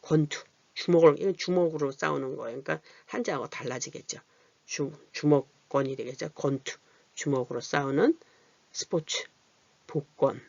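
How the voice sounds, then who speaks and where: An adult literacy teacher explaining vowels patiently, asking rhetorical questions and reading example words slowly. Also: mid-range voice, vocal fry, a little mellow, no room sound, dull audio. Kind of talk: Korean vowel lesson.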